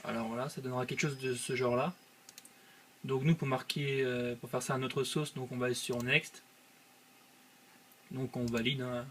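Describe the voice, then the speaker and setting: A young man talks through a screen-recorded tutorial in a mid-range voice, hesitating often and filling gaps with drawn-out filler sounds. He speaks into a desk mic by his computer, and a faint hiss sits under his voice. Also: mid-range voice, level tone, fairly bright tone. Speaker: channel host.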